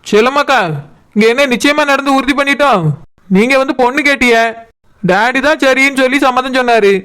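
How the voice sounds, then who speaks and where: A bright, fast-talking young cartoon woman voiced by a performer. She talks back in a clear, sharp voice with a Kanyakumari Tamil accent, quick to defend her family. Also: high-pitched. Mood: defiant. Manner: assertive, retorting. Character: bold young woman, fish-seller sister of the bride. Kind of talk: cartoon voice acting.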